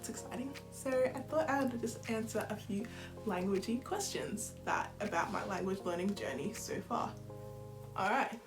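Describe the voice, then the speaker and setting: A young woman from Zimbabwe, giving a relaxed, chatty bedtime talk as a vlogger, soft-spoken and giggly, at times sinking to a whisper. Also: mid-range voice, moderate pace, music in the background. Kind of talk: relaxed bedtime chat to camera.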